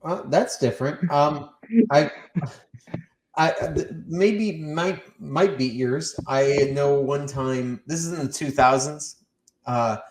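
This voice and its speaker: Male wrestler guest, lively storyteller, a bit high, roomy echo. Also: takes it slowly, slight background noise. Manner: animated storyteller, acts out his own shouted lines. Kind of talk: casual podcast chat.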